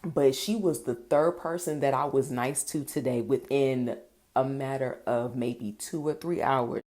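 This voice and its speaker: A woman vlogger telling viewers a funny confession in a casual, animated way, laughing through her story and calling them y'all. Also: a bass voice, a little slow, no room sound.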